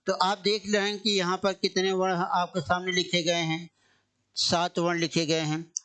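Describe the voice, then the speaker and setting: A male Hindi teacher giving an exam-coaching grammar lesson, asking questions and answering them himself, repeating key phrases and drawing words out slowly. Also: high-pitched, level tone, bright, forceful tone, clear, resonant tone.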